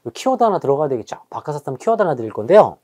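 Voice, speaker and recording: Chatty history tutor lecturing, repeats key words, very animated pitch. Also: racing. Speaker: Korean history exam lecturer.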